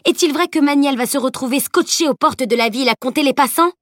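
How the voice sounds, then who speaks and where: A woman's voice: fairly high pitch, expressive, moderate pace, a bit bright, no room sound, studio quality, voice pushed up. A woman voicing a fierce teenage heroine who speaks in a heated, cutting way. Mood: defiant, furious. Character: fierce teenage girl heroine, defiant and angry.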